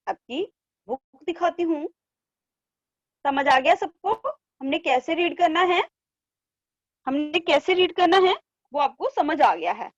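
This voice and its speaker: Slow, high-voiced woman teaching little kids. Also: no room sound, muffled recording. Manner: slow, drawn-out syllables for children to repeat; coaxing, repeats words in pairs. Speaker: primary school teacher. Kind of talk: online Hindi lesson for young children. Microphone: online class from home.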